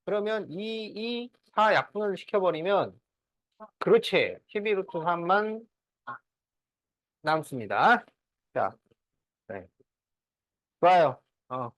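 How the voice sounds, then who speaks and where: Lively high-pitched man teaching math. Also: slow pace, pauses often, dry recording, dull audio. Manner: talks through steps, checks in with students often. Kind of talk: classroom lesson.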